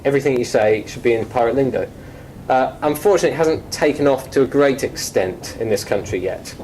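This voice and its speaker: A man with a British accent, a guest on a mock chat show, talking in a hesitant, wry way with many pauses. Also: medium pitch, a little mellow, slight background noise, low-quality recording. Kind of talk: casual chat. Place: office.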